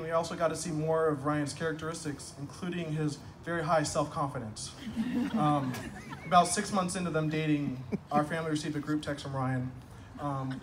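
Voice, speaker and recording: A young man giving a humorous best-man toast at a night-time garden wedding reception, telling stories in a wry, self-deprecating way and landing punchlines. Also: fairly high pitch. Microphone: far camera across the lawn. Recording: distant phone video with ambient noise.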